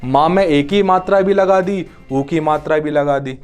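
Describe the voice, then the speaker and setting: Male teacher, young, high-pitched, explanatory exam-prep lecture style, frequent rhetorical questions. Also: normal speed, clean tone, faint music behind.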